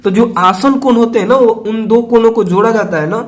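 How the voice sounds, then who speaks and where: A man teaching a school math lesson, repeating each point patiently and checking in with a quick "okay" after each step. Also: sits high. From Bihar, India.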